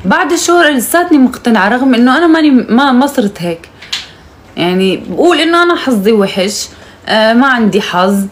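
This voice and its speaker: A young Moroccan woman with a Moroccan accent, chatting casually and teasingly on a live stream, now and then calling out loudly to her mother. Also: fairly high pitch, expressive, fast, a little hiss or hum.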